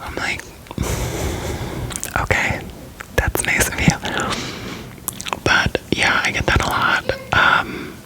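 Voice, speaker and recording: A young American woman from Florida whispers an informal, unscripted ASMR ramble, breathy and up close to the microphone. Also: slow, pauses often, low-quality recording. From Florida, United States. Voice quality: whispering throughout, breathy and unvoiced. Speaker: ASMR creator.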